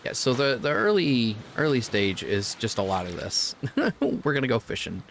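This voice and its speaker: A man's voice: mid-range voice, very animated, moderate pace. A man hosting a casual gaming stream, joking with friends and greeting chat viewers. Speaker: streamer host. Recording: noisy stream mix.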